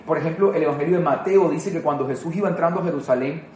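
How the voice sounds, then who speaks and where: Guy preaching a sermon online, kinda high voice, chatty but slows way down to hit key lines, bit of echo in the room. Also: darkish tone, a little hiss or hum. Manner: conversational, emphatic, with repeated words and slow stressed phrases. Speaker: pastor.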